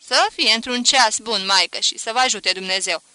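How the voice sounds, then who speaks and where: A woman's voice: on the high side, sharp tone, clear, resonant tone, no echo. A woman doing a scolding village mother. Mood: wary. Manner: scolding, exclaiming.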